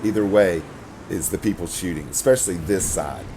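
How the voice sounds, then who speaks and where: This gaming video host is a middle-aged man whose deep voice sounds crackly and gravelly, moving at a normal speed. Talking from his home setup indoors, he rambles casually about the game, says words more than once, and curses when irritated.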